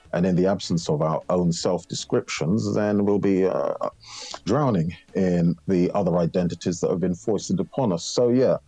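A male author talking thoughtfully, leaning into his points with emphasis. His voice is deep and recorded dry and close, with faint music in the background. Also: warm tone, dry recording, rough recording. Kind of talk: reflective interview talk.

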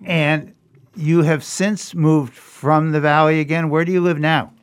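A man's voice: on the high side, steady tone, unhurried, clear, resonant tone. A man hosting an interview, asking short, curious questions. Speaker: radio interviewer.

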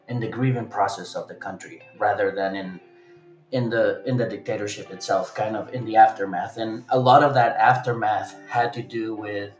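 A man in his thirties, originally from Chile, recounts his path into organizing in a casual, halting way. His voice sits a little low. The room around him gives it a noticeable echo. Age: 30s. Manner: relaxed, halting, with frequent restarts. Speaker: interviewee, organizer. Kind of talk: casual storytelling.

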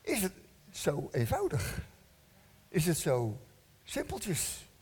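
Lively preacher man in a reverberant hall. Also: sits high, slow pace, husky. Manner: animated, jokey, asks the congregation questions. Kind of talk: lively church sermon. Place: church hall. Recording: long church-hall reverb.

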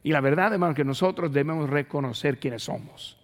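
Preaching man in a reverberant hall. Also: fairly high pitch. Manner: preaching with sudden emphatic bursts and slow scripture reading. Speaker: pastor. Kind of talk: sermon.

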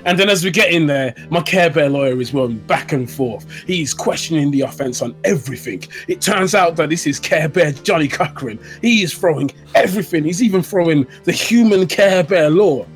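A man's voice: on the high side, lively intonation, moderate pace, hardly any pauses, faint music behind. A man on a comedy podcast panel, improvising a profane story and laughing as he goes.

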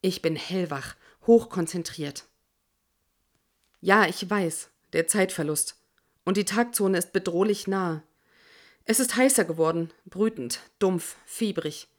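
A woman reading a first-person audiobook in a measured, tense manner. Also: lowish voice. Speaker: audiobook narrator. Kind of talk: first-person scripted narration.

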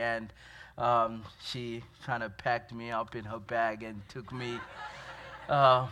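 A man's voice: medium pitch, a bit bright, a little hiss or hum. A man from Zimbabwe with a Zimbabwean accent, a pastor giving a church update with many fillers and restarts.

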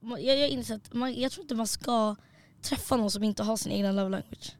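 A young woman co-hosting a podcast in casual chat, telling animated stories, acting out quotes and mixing in English words. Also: on the high side, no echo, studio quality. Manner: animated storyteller, acts out quotes, mixes in English. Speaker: podcast co-host.

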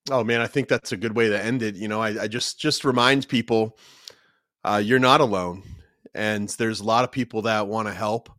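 A man's voice: on the low side, steady tone, normal speed, fairly bright tone, no room sound, studio quality. A man speaking as a podcast guest, earnest and encouraging in tone. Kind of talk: conversational podcast talk.

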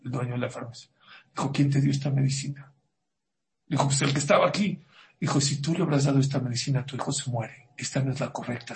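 A man's voice: medium pitch, creaky, a little hiss or hum. Dramatic man telling a story. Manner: dramatic storyteller, swings from loud outbursts to near-whispers. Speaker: rabbi giving a talk. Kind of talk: storytelling sermon.

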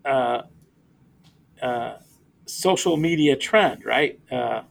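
A man's voice: medium pitch, animated, drawn-out words, gravelly. A man hosting a casual beer podcast, rambling with stammered restarts and laughing often. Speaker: podcast host.

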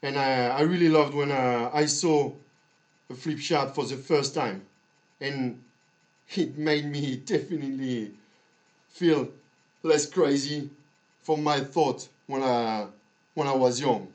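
Man, slow pace, mid-range pitch, halting delivery, long pauses, motivational podcast monologue. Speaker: podcast host.

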